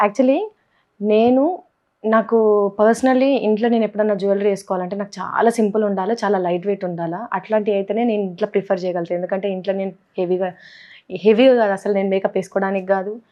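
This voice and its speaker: A woman's voice: medium pitch, fairly even intonation, fast. A young woman with a Telangana Telugu accent, chatting playfully in a casual vlog and mixing in English words. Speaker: vlogger. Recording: dull lo-fi sound.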